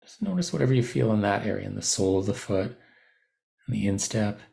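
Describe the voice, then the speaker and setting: A man leading a guided body scan meditation as a teacher, giving gentle, unhurried instructions with pauses mid-phrase. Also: lowish voice, animated, gravelly.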